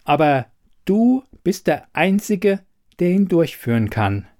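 Fretful male smart fridge, read by a man, high strained audiobook voice. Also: big pitch swings, slow pace, darkish tone, exaggerated voice. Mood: alarmed. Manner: fretful, increasingly panicked. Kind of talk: audiobook reading.

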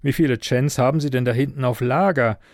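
A sarcastic young woman in a spoken story, muttering sharp, blunt remarks, as a male narrator voices her. The voice sits at a middle pitch and is recorded close and dry. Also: brisk, no echo, natural voice. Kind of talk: audiobook character voice.

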